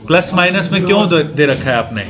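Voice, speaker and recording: Man, classroom instructor, slightly high pitch, quizzes students, repeats key points. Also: expressive, brisk, loud music behind the voice. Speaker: CAD training instructor. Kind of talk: classroom lecture.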